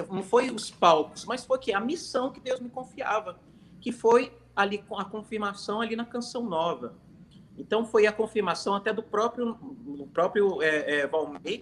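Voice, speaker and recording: A man's voice: high voice, fairly bright tone, a little hiss or hum. A man sharing a personal religious testimony on a phone livestream, telling it in a hesitant way with many restarts. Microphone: phone during a livestream.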